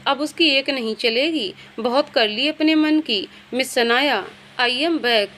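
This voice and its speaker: A woman voicing a gentle, devoted young man in a storybook reading. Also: high voice, takes it slowly, slight background noise. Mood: reassuring.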